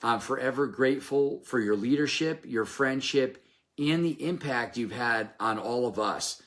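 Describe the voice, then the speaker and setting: A man's voice: mid-range voice, unhurried, fairly bright tone. A man who owns a painting business giving an earnest, polished video tribute to his mentor. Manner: earnest, polished, scripted-sounding.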